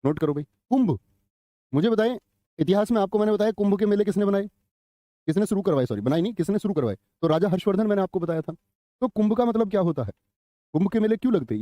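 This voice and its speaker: A man's voice: high voice, dark tone, no room sound. A man teaching a live online exam-prep class, chatty, quizzing students and reading their chat comments aloud. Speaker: Hindi teacher.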